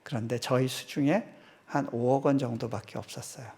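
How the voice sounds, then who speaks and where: A middle-aged man preaching in a church, his voice gravelly and low-edged with fry. He tells a personal story with animated delivery, voicing his own prayers aloud. His pitch sits in an ordinary middle range. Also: fairly quick. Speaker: missionary preacher. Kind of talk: storytelling sermon. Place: church sanctuary.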